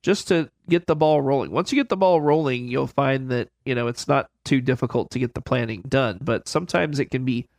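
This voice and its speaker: A man of middle pitch explaining retirement money matters in a plain, folksy way, circling back to repeat his points. His voice is close and dry in a studio. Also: brisk, vocal fry, hardly any pauses, no echo. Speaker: financial advisor guest. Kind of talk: conversational expert explanation.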